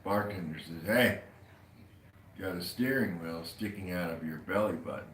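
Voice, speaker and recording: A man's voice: low voice, moderate pace, a bit bright, slight background noise. A man co-hosting a casual chat show, telling corny bar jokes in a laid-back way. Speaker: co-host. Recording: echoey room, faint ambience.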